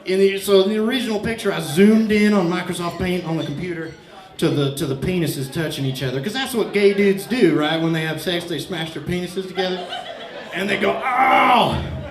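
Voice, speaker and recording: A man doing a loud, rambling stand-up set in a bar, mock-earnest and bantering with the crowd, a little out of breath. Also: high-pitched, a little fast. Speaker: stand-up comedian. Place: bar stage with laughing crowd. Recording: echoey bar room, crowd laughter.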